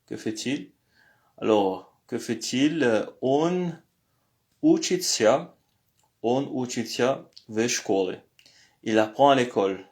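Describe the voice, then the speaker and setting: Man, language teacher, slow, hesitant, frequent fillers, screen lesson. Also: mid-range voice, a little mellow. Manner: slow and hesitant, many pauses and "euh".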